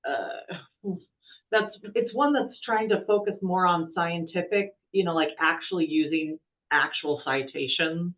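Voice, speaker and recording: Moderator voice, mid pitch, hesitant, restarts, tinny phone-like call audio. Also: a little slow. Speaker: webinar moderator. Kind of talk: casual Q&A moderation.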